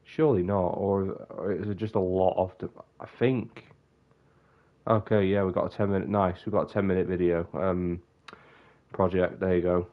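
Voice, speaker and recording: A young man with a sniffly, bunged-up voice rambles casually on a live stream, frequently cutting himself off mid-sentence. His voice is low, level, and moderately paced, and the recording sounds muffled.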